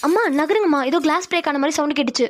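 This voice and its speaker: A woman's voice: high voice, racing, a little hiss or hum, natural voice. A woman voicing a curious young woman in a cartoon who keeps questioning her mother. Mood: puzzled. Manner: persistent questioning. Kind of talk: cartoon voice acting.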